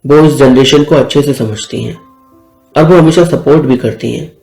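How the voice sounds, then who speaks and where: A man's voice: mid-range voice, moderate pace, gravelly, a little mellow, lightly acted. A man voicing a bossy, fiery young woman who scolds and threatens her younger brother, in an echoey room with faint music. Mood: scolding.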